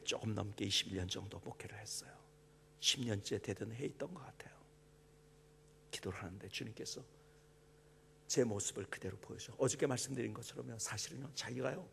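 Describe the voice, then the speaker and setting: A middle-aged man preaching a sermon as pastor, dropping to hushed whispers and rising to loud, impassioned cries. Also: medium pitch, brisk, vocal fry, a little hiss or hum.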